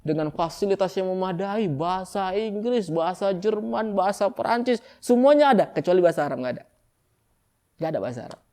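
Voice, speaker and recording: A middle-aged male preacher with a gravelly edge to his voice. He preaches with a lively, animated delivery to the congregation. Now and then he breaks into high, excited voices to act out the people he describes. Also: fairly quick. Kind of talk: sermon.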